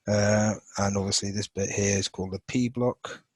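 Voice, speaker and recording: A man with a lowish, slightly husky voice walks through a chemistry lesson, thinking aloud as he marks up a chart. He talks in a loose, unscripted way, full of fillers and restarts. The sound is dry and close. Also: fairly even intonation, normal speed, darkish tone, dry recording, rough recording. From England. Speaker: chemistry teacher. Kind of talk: informal lesson over a drawn screen.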